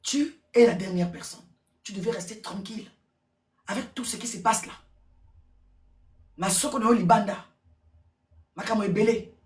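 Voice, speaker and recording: A woman giving casual gossip commentary, repeating words and switching languages in an excitable way. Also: mid-range voice, moderate pace, pauses often. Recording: roomy echo, distant from mic.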